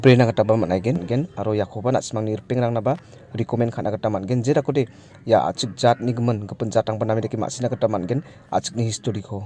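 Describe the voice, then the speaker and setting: A man narrating his vlog in a calm, explanatory way. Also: fairly low pitch, racing. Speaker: vlogger.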